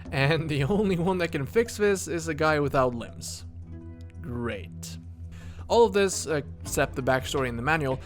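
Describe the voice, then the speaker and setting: A man narrating a scripted game review video with sarcasm and casual swearing. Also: fairly high pitch.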